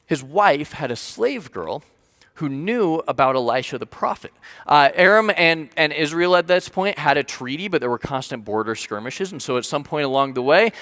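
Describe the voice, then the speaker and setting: A man preaching a sermon, retelling a scripture story in a casual, animated way with many "like" fillers. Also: on the high side. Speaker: pastor.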